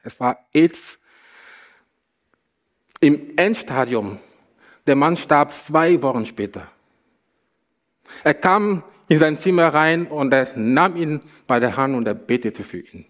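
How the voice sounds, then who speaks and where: Male preacher, sermon delivery, slow and emphatic with repeated phrases, a somewhat high voice. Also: expressive.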